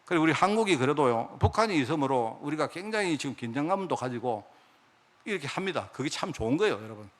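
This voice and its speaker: A man preaching a sermon, his rather high voice swinging widely as he talks. He keeps it conversational, firing rhetorical questions at the congregation and acting out quoted speech. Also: expressive, fast. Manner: acts out God's and others' speech in quoted lines. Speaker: pastor.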